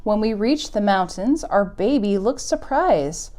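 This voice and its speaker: At a preschool storytime, a woman reads aloud and talks directly to young children, using simple, encouraging words and exaggerated sing-song emphasis. Her mid-range, dark-toned voice moves unhurriedly with lively intonation.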